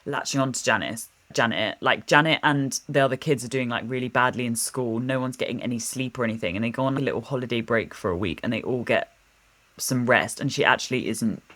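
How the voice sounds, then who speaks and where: A woman's voice: a bass voice, brisk, a bit bright. A woman co-hosting a podcast, telling a ghost story in casual chat, giggly and rambling, swearing freely. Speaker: podcast co-host.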